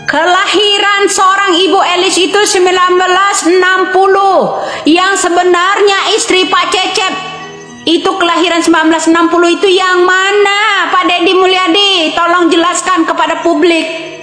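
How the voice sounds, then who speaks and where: A high-pitched woman in her fifties hammers home her point, firing the same rhetorical questions again and again. Her voice rings through a reverberant, echoey room with long reverb. Faint music sits underneath. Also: flat delivery, normal speed, pushed and bright. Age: 50s. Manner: insistent, repeats rhetorical questions. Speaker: online commentator. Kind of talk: impassioned monologue to camera.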